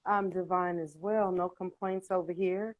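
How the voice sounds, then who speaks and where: A woman's voice: lowish voice, steady tone, normal speed, poor audio. A woman guest poet from the United States, talking enthusiastically in casual chat on a video call. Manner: enthusiastic, talkative. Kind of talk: casual live-stream chat.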